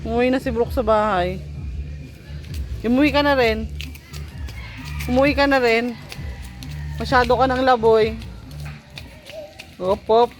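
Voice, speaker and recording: A woman with a high voice speaks slowly to a toddler, coaxing and repeating short commands in a sing-song way. She is outdoors, with music laid over the audio and roosters crowing behind her. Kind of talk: sing-song baby talk mixing Tagalog and English. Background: background music, roosters crowing.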